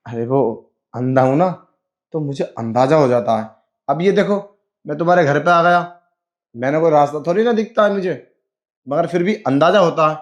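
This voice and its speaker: In a short scripted skit, a man with a fairly high-pitched voice and moderate pace plays a sleazy fellow who pretends he's blind. His manner is wheedling and sly, and he keeps saying "you know."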